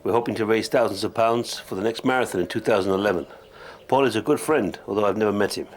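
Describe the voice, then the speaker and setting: An actor playing a vain, oblivious rock musician, talking in a deadpan, rambling way full of little fillers. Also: male voice, on the low side, fast talker, noisy background, natural voice. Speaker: aging rock star. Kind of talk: mockumentary monologue.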